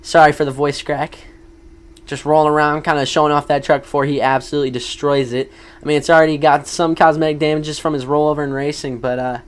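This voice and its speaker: A man giving excited play-by-play commentary on a monster truck event, hyping each move with quick asides. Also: a little high.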